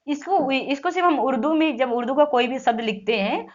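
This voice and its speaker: Woman teacher, high voice, patient step-by-step explaining, dull lo-fi audio. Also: fairly quick. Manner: explaining step by step, repeating sounds aloud; frequent "thik hai" check-ins. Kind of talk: exam-prep lesson.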